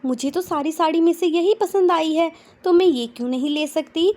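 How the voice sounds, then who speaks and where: A woman's voice: very high-pitched, moderate pace, darkish tone, voice pushed up. A woman voicing a bubbly, cheeky young woman who talks in a chirpy, playful, exclaiming way. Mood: eager.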